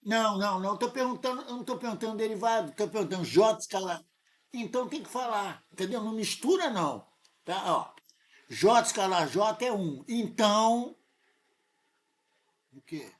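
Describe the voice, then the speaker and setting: Insistent Brazilian math teacher, lively pitch. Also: male voice, moderate pace. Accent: Brazilian Portuguese. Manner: insistent, corrects the student often. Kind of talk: live tutoring lesson.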